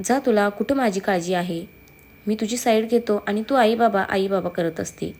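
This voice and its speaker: Woman reading as a playful young husband, affectionate, teasing, mid-pitch. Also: normal speed, a little mellow, natural voice. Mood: sulking. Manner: playful, affectionate, calls wife baby.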